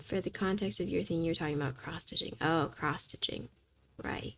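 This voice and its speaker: A young woman streaming a game, chatting in a rambling, animated way and pleading with herself when the game gets tense. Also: sits low, fairly quick. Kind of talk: casual gameplay chat.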